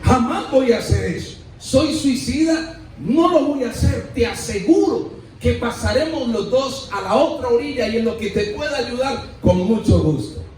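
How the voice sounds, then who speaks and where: A cunning male scorpion from a spoken fable, acted out by a man, insistent and pleading. The voice is dark and mellow. It comes from well back in a roomy, reverberant hall. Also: very high voice, animated, normal speed, slight background noise. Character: sly male scorpion who can't help himself. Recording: echoey church hall, distant mic.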